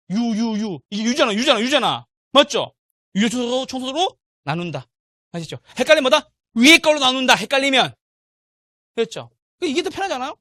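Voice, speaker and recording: Middle-aged male lecturer, lively swinging pitch, bright forceful tone, quizzes the class over and over. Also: no echo, clean studio sound. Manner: animated, drills students with repeated call-and-response questions. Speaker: real estate exam lecturer.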